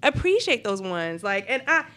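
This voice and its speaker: A young adult woman co-hosting a podcast, talking in a soft, reflective and emotional way. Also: mid-range voice, very animated, normal speed. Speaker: podcast co-host. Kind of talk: casual chat.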